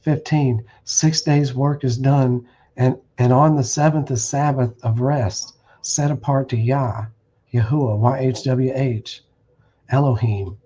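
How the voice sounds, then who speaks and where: A man's voice: medium pitch, fairly even intonation, unhurried, dark tone, slightly rough, dull audio. A man preaching bluntly on a stream, warning listeners and reading verses aloud with restarts. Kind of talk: streamed scripture teaching. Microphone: streaming setup.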